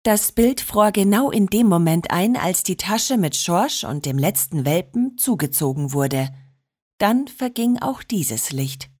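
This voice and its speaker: List: woman, storybook narrator, slow, lively intonation. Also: medium pitch. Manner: expressive, unhurried. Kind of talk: storybook reading.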